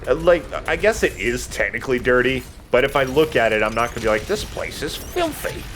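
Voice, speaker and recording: Fairly quick and fairly bright, this man's mid-range voice swings widely in pitch as he hosts a let's play. He jokes and rambles through casual commentary while playing. Video game music fills the background.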